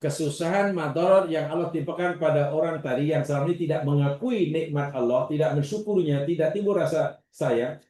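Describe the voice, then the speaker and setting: Malaysian religious teacher quizzing his class, lively, echoey room, mic kinda far. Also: a little high, brisk, hardly any pauses. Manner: questions the class and repeats their answers; lively, acts out examples. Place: classroom or prayer hall. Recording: roomy echo, distant mic.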